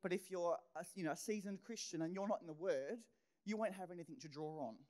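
A middle-aged woman preaching a sermon in an animated way, acting out her own thoughts and dropping into whispered asides. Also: fairly low pitch, quick pace. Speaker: pastor.

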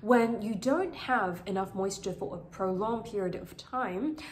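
There's slight background noise as an earnest plant vlogger gives a casual product review to camera in her bright living room full of plants. Her mid-range voice is expressive and unhurried, though still recovering from illness. She's chatty, uses lots of fillers, hosts a houseplant channel, and the room sounds roomy and echoey.

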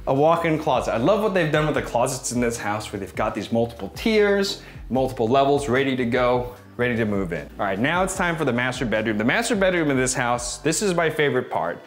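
Gushing male real estate agent, very animated. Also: medium pitch. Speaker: real estate agent giving a home tour. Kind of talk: casual walk-through property tour to camera. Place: inside rooms of a modern house, briefly on its balcony.

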